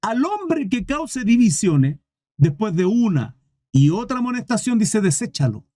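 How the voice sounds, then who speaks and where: A man's voice: very high-pitched, big pitch swings, measured pace, dark tone, no room sound, clean studio sound. A man preaching a sermon as pastor, emphatic and repetitive, speaking straight to his congregation.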